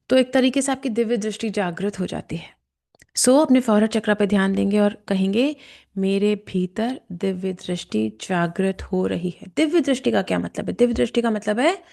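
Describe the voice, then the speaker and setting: Slow, calm Hindi meditation teacher, gravelly. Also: female voice, on the high side. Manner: slow, calm instruction with softly chanted verses. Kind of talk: guided chakra meditation lesson with chanting. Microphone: camera and mic.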